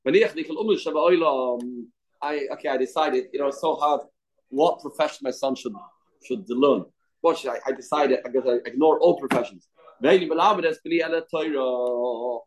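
A male teacher leads an informal religious class at a mid-range pitch. He alternates reading from a text with plain explanation, repeating himself and putting rhetorical questions as he goes. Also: low-quality recording. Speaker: Torah teacher.

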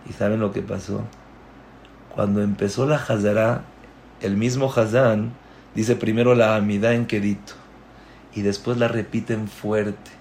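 A man, a religious teacher, giving a moralizing sermon and telling a story in a deliberate, storytelling way. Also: lowish voice, flat delivery, creaky, a little mellow, slight background noise.

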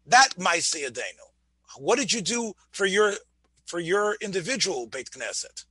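A man's voice: high-pitched, very animated, unhurried, sharp tone, breathy edge, dry recording. A man teaching a Torah class, often restarting words, asking his listeners questions and mixing Hebrew phrases into his English. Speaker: rabbi lecturer.

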